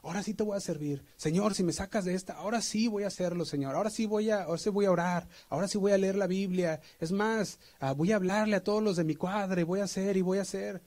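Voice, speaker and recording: A man's voice: high voice, quick pace, few pauses, a little mellow, pitched above the performer's own voice, close to an everyday voice. A man doing a panicked young man pleading. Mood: desperate pleading. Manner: pleading, breathless bargaining.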